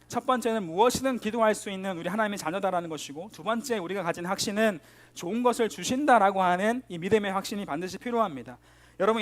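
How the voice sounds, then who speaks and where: A middle-aged male pastor delivers a sermon in a fairly high voice for a man. He speaks earnestly and addresses the young congregation directly. He often poses rhetorical questions to them. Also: fairly bright tone.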